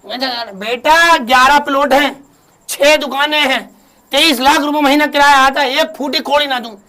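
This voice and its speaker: A man's voice: very high-pitched, moderate pace, bright, forceful tone. A man playing a wealthy, fierce old mother-in-law in a comedy sketch, scolding and pleading melodramatically. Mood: furious.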